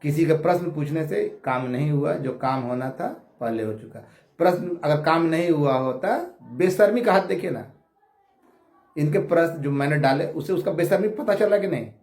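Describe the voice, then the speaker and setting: Combative man with a gravelly voice. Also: moderate pace, roomy sound. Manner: combative, insulting rivals, swings between shouting and low muttering. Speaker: online commentator appealing to viewers. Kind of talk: heated monologue to camera. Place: his home prayer room.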